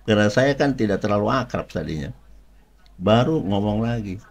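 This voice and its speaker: Low-voiced man telling his faith story. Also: expressive, moderate pace, creaky. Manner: conversational storytelling with frequent asides to listeners; jokes lightly while telling the story. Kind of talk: personal faith testimony.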